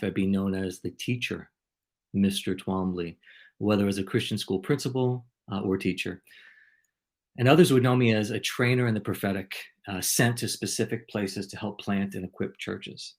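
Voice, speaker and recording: A man hosting a podcast and being interviewed, talking in an ornate, playful way. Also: fairly low pitch. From New York.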